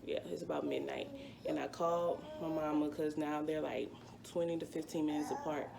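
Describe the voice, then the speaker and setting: Over a noisy background, a woman in her twenties vlogs a casual storytime, chatty and rambling with plenty of fillers. Her deep voice carries vocal fry, and she sounds animated at a moderate pace.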